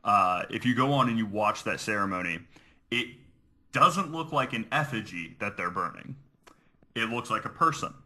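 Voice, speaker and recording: His voice lowish, expressive and sharp-toned at a normal speed, the podcast host works earnestly through researched notes. Now and then he stumbles while explaining.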